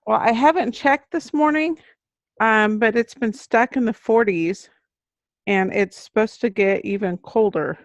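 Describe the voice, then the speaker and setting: A middle-aged woman, a children's book author appearing as a podcast guest, tells anecdotes in a casual interview style. Her voice is a little high and a little slow, and the recording is dry.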